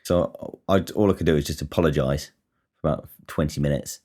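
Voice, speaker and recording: Deep-voiced sweary English man. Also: a little fast, mellow. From England. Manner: blunt, sweary and self-deprecating, with frequent stutters and restarts. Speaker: podcast host. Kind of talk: casual rambling monologue.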